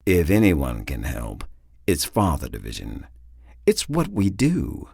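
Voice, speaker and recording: A man voicing a calm male government agent who talks in a measured, persuasive way. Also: extremely low pitch, gravelly, husky, no room sound, studio quality, voice pushed down, heavily acted.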